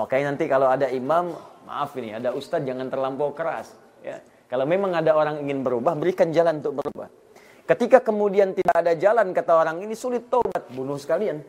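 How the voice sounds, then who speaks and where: A man preaching a sermon in a mosque, telling stories and moving between soft and raised passages. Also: a little high.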